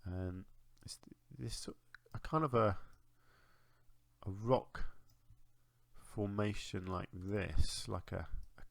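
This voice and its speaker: A man's voice: low voice, slow pace, creaky, no echo. Stuffy-nosed man chatting over gameplay. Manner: chatty, muttering to himself while building. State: congested, blocked nose. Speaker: gaming video host. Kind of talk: casual gameplay commentary.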